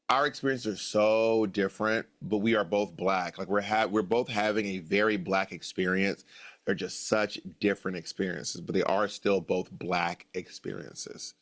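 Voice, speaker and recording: An American author in his late thirties answers interview questions earnestly and musingly, repeating phrases for emphasis. His voice is low-pitched with a fairly bright tone.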